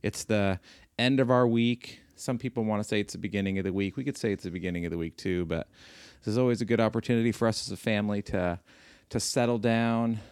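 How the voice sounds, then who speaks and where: Smooth-voiced man hosting a home podcast. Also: lowish voice, a little mellow, dry recording, clean studio sound. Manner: rambling, self-correcting, teasing. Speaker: podcast host. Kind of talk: casual home podcast chat. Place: living room floor at home.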